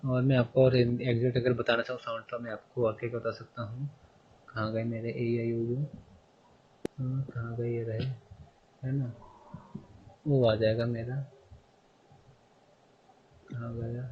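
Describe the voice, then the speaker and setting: A male English grammar teacher in a classroom, repeating his points and firing quick questions at his students. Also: medium pitch, flat delivery, muffled recording, slight background noise.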